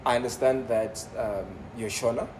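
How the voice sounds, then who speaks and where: A man's voice: mid-range voice, fairly even intonation, moderate pace. A man hosting a casual interview, chatty and laughing easily. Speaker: interview host. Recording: noisy room ambience.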